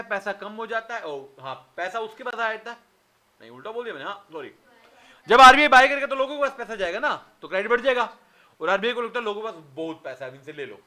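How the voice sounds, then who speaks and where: A man's voice: sits high, pushed and bright. A man in his thirties teaching an exam revision lecture, firing questions at his students and answering them himself, with Indian-accented English words.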